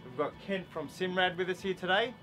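A man's voice: sits high, a little fast, bright, forceful tone, low-quality recording. A man in his thirties with an Australian accent, hosting a casual product demo on the deck of a boat, upbeat and enthusiastic. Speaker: fishing show host. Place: open deck of a boat on a bay, outdoors. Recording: music bed underneath.

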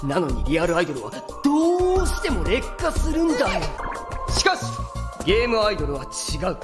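A man's voice: sits high, huge pitch swings, brisk. A man voicing an obsessive teenage gamer boy in an anime, declaiming pompously in a grand monologue. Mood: grandiose. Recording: music behind voice.

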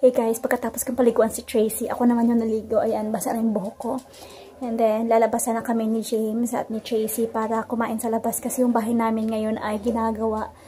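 A woman's voice: on the high side, completely flat delivery, fairly quick, music in the background. Chatty woman vlogging at home. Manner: chatty, talks to camera while doing chores. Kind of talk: casual home vlog. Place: house and backyard. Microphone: handheld phone camera.

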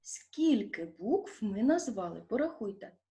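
A woman teaching a primary school lesson with a Ukrainian accent, asking young children questions and stretching out stressed syllables slowly and clearly. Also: mid-range voice, big pitch swings, dark tone.

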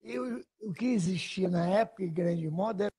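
An older man with a husky, breathy voice, mellow and dark in tone and set higher than most men. He recalls things slowly and deliberately. The audio comes from an archival television interview. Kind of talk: recorded interview.

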